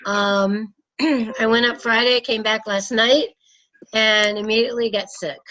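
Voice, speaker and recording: Congested middle-aged woman rambling thru a team call, kinda high voice, muffled lo-fi audio. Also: fairly even intonation, measured pace, fairly bright tone. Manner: chatty, rambling with many fillers. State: congested, sick. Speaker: team leader. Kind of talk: casual video call meeting. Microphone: video call. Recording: dull lo-fi call audio with faint noise.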